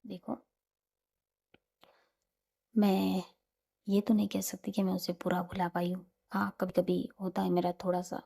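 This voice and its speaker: A woman voicing a young woman in love, tender and teasing, speaking softly and half-whispered. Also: mid-range voice, completely flat delivery, a little slow, creaky, long pauses, husky.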